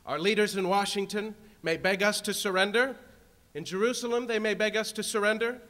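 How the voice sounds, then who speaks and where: An American man giving a roaring, rallying political-religious speech, emphatic and rhetorical, with deliberate repetition. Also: sits high, steady tone, sharp tone. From Virginia, United States. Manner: roaring, rallying delivery at its peaks. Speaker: speaker at a prayer breakfast. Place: large hall, speech to a gathering. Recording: reverberant hall PA sound.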